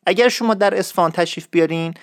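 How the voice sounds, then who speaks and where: A man's voice: high-pitched, clean tone, no room sound, studio quality. A man hosting his own podcast, talking in a playful, mock-serious lecturing way. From Isfahan, Iran. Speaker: podcast host. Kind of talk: humorous podcast monologue.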